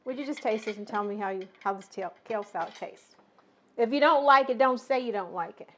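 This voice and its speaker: A woman's voice: a little high, a little fast, fairly bright tone. A middle-aged woman hosting a casual cooking demonstration, chatty and teasing with her family. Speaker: cooking show host.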